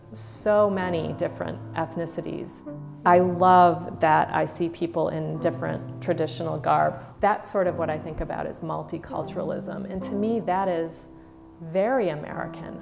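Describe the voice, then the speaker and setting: A woman speaking in a measured, thoughtful way with occasional fillers in a documentary interview. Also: on the low side, gravelly.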